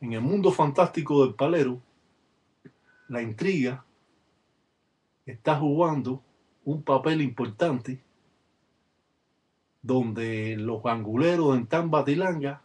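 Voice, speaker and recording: Man, webcam talk, practitioner explaining rituals, measured, fills pauses with "eh". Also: medium pitch, a little mellow, slightly rough. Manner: measured, with frequent "eh" fillers.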